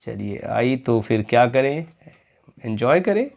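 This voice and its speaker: A man giving an exam-prep literature lecture, explaining step by step, checking in often with his listeners and reading quiz lines slowly, word by word. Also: medium pitch, big pitch swings, a little mellow. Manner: explains step by step, often asks "clear, friends?"; reads English quiz options slowly, word by word.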